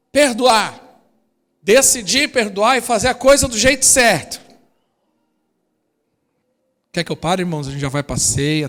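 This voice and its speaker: A male pastor with a Brazilian accent preaches at an unusually high pitch for a man. He speaks to his congregation directly and with energy. His voice rings out in a church hall with a long, lingering reverb. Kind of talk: sermon.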